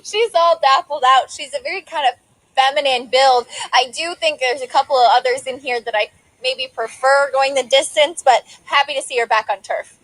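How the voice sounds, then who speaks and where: A high-pitched woman breaks down a horse race with knowledgeable, chatty analysis while fighting the hiccups. The sound is dry and close, with no room around her. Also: normal speed, a bit bright, dry recording, low-quality recording. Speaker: racing analyst. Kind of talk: horse racing handicapping chat.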